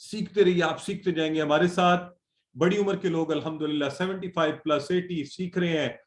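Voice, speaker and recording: A man teaching an Arabic grammar class, patiently and encouragingly, drilling words slowly and over again. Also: on the high side, fairly even intonation, roomy sound.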